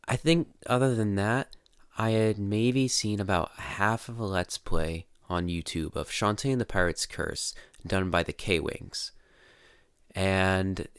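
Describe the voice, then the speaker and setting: Nasal deep-voiced man, rambling. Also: fairly bright tone, clear, resonant tone, dry recording, studio quality. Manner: rambling, self-correcting. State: nasal from allergies. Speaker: fan sharing a game story. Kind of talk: casual recorded monologue.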